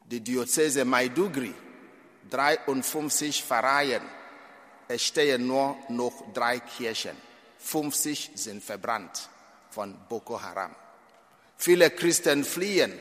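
A man's voice: a little high, fairly bright tone. A man from Nigeria, preaching a sermon as a priest at mass, emphatic, with dramatic swells and drops in volume. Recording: long church reverb.

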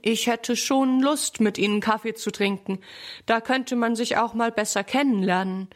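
A woman's voice: on the high side, moderate pace, lightly acted. A woman voicing a stately, talkative neighbor lady in a children's story, chatting in a gossipy way. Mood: chatty.

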